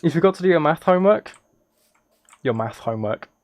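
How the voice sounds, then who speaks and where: This UK streamer speaks briskly and expressively in a voice on the high side, rambling casually as he plays a video game. He's apologetic and pokes fun at himself, and there's no room sound in the recording.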